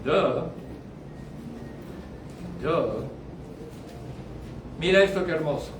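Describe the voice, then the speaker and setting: High-voiced man preaching in an echoey hall. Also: animated, drawn-out words, noisy background. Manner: emphatic preaching with sharp swings from loud to low. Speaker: pastor. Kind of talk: sermon. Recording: echoey hall, mic at a distance.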